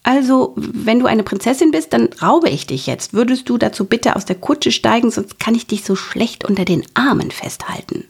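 A small storybook dragon boy, as a woman puts him on, high and jittery, stumbling over his words yet set on his task. His voice jumps well above her own. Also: normal speed, gravelly, few pauses, husky, exaggerated voice. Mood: determined. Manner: stammering, high and excited. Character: nervous young male dragon, stammering but determined.

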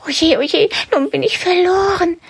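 A woman voicing a small, frightened male rabbit in a storybook reading, squeaky and panicky. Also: a little slow. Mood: panicked.

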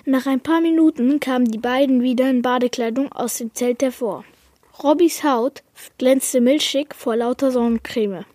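A woman with a high, light voice reads a children's story aloud. The sound is close and dry. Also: warm tone, no room sound. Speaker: reader. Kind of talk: children's book reading.

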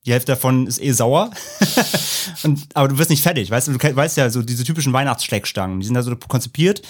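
A man's voice: medium pitch, fast. A man with a German accent co-hosting a podcast, chatting casually and telling long, joking stories about his workweek. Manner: rambling, playful, sarcastic storytelling. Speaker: podcast co-host. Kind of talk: casual chat.

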